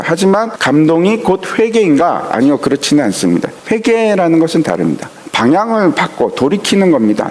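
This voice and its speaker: Man, pastor, sermon, fairly high voice, very lively pitch, rhetorical questions answered himself. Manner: acts out quoted lines from scripture.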